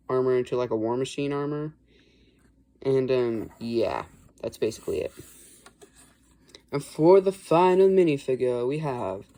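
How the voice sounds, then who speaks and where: A toy building channel host with a medium-pitched, mellow voice talks through a casual building tutorial. The explanation is chatty and rambling, full of "like" and "um," with sentences restarted and corrected mid-thought.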